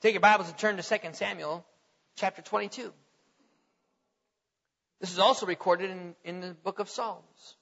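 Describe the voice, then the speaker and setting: A man preaching a sermon and reading scripture aloud, stretching his words and swinging from loud emphasis to quiet asides. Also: sits high, fairly even intonation, moderate pace, creaky, long pauses. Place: church sanctuary. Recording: reverberant hall, dull lo-fi sound.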